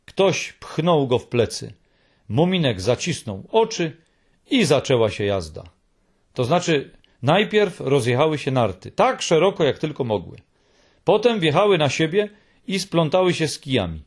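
A man narrating a children's storybook in an expressive reading style. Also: fairly high pitch, measured pace, breathy edge.

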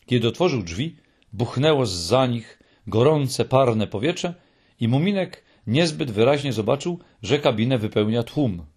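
A man narrating a children's storybook in a slow, calm, husky voice. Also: mid-range voice. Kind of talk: audiobook narration.

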